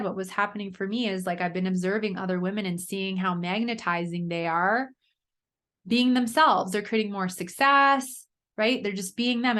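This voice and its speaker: A woman's voice: mid-range voice, a bit bright. A woman hosting a solo self-help podcast, talking earnestly and chattily, often adding "right?". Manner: chatty, earnest, frequent "right?" tag questions. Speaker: podcast host and coach.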